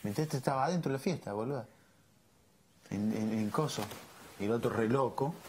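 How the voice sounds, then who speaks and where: A man's voice: mid-range voice, brisk, darkish tone, slight background noise. A young man with an Argentine accent, gossiping insistently and repeating words as he stammers. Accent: Argentine Spanish. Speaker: reality show housemate. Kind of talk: heated gossip chat.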